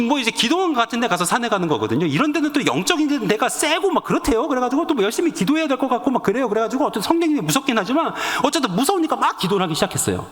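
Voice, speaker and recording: A man preaching a sermon, telling a personal story in an animated way and acting out the voices in it. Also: very high-pitched, long reverb tail. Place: church sanctuary.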